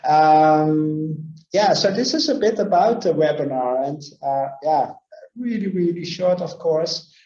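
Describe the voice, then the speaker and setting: A man's voice: fairly high pitch, measured pace, mellow, roomy sound, muffled recording. A man opening a webinar as host, hesitant and full of fillers. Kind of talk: webinar introduction.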